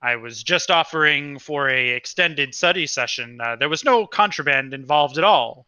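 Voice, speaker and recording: A man's voice: a little high, animated, moderate pace, sharp tone, smooth, no room sound, rough recording. A man voicing a nervous captive man in a tabletop game, talking in a flustered, pleading way.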